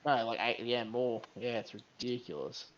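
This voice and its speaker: A man's voice: medium pitch, moderate pace, lo-fi sound, a little hiss or hum. A man commentating a live game match, giving analytical play-by-play. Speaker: esports caster.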